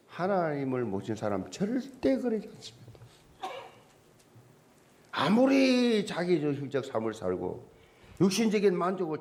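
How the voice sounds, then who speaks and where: Male preacher, slightly high voice with an animated swinging delivery, leans hard on rhetorical questions. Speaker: pastor. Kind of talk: sermon.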